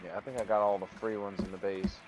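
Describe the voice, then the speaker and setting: Man, casual gaming chat, teasing, game music clearly audible behind. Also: lowish voice, level tone, quick pace, muffled recording. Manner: teasing, joking with friends. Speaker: fellow player on a game stream.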